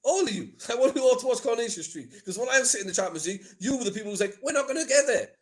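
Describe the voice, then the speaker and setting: Male fan, very high animated voice, excitable, slangy, repetitive arguing. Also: rapid-fire. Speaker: football fan panellist. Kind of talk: heated casual argument.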